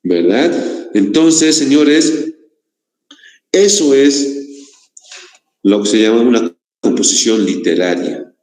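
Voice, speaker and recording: A man's voice: mid-range voice, animated, takes it slowly, long pauses, a little mellow. Man, Bolivian Spanish accent, teacher, lecturing, rhetorical questions, roomy recording with long reverb. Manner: asks the class frequent rhetorical questions. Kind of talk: online class lecture. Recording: echoey room, long reverb.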